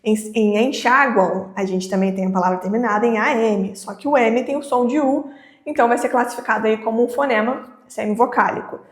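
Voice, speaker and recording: A woman teacher explaining Portuguese phonetics in a lesson, slowly drawing out each example word. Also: on the high side, reverberant. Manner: slow, drawn-out pronunciation of example words. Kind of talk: online grammar lesson.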